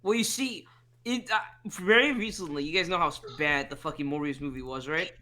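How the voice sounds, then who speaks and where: A podcast co-host rambling in casual chat, profane, with many fillers and restarts. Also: male voice, a little high, brisk, a crowd in the background.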